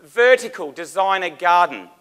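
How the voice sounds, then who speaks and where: A man's voice: high-pitched, lively intonation, moderate pace, a bit bright. A man speaking as an auctioneer, with formal, theatrical delivery and dramatic emphasis. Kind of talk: auctioneer's performance: theatrical sales pitch and bid calling.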